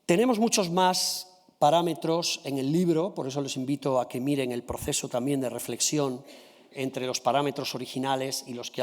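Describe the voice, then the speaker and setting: A man giving a formal conference presentation of a study. He addresses the audience politely and checks in often with a quick "¿sí?" or "¿vale?". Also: mid-range voice, big-room sound.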